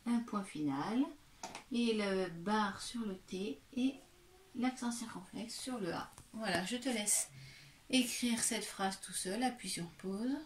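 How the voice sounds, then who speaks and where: A woman, a primary school teacher, slowly and patiently walking a young child through handwriting step by step and talking to the child directly. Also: mid-range voice. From France. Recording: roomy, distant from the mic, faint background noise.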